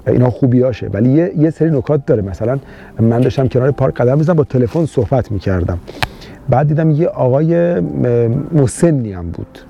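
Very mellow-voiced man from Iran. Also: medium pitch, animated, vocal fry, highs cut off, a little hiss or hum. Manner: rambling, frequent hesitant fillers. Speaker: immigration advice vlogger. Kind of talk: casual monologue. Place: lives in Austria.

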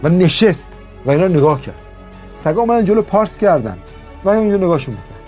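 A male self-help teacher giving an expressive motivational talk, his voice sitting slightly high and swinging widely in pitch. He slows down to stress a point, then rushes through the next. Faint music plays behind him. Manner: storytelling, emphatic, shifts between slow stresses and quick bursts.

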